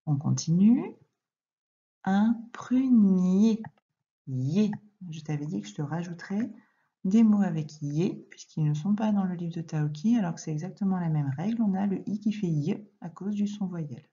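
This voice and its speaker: A woman teaching young children to read, speaking slowly and clearly and addressing the child directly as she dictates. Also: on the low side, lively intonation, mellow, highs cut off. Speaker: primary school teacher. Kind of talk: recorded reading lesson and dictation for young children.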